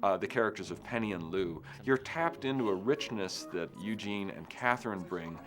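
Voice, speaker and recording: Articulate deep-voiced director. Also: male voice, moderate pace, a bit bright. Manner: thoughtful, articulate. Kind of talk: interview. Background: film music.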